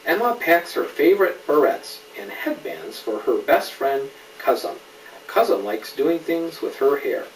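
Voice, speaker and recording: Reading to a child a little slowly, this father uses a fairly high, sing-song voice and stops for casual asides, patiently explaining and asking questions. A distant mic captures the roomy space and faint background noise.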